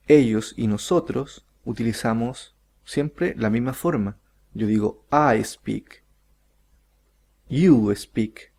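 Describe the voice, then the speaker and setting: A man teaching English grammar, explaining slowly and carefully and stretching out each English example sentence. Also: mid-range voice, vocal fry, dark tone. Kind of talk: recorded grammar lesson.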